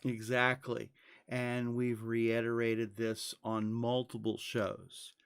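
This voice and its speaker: A man hosting a casual podcast conversation, talking in an unhurried, reflective way. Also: mid-range voice, level tone, creaky, smooth, no echo, studio quality. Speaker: podcast host.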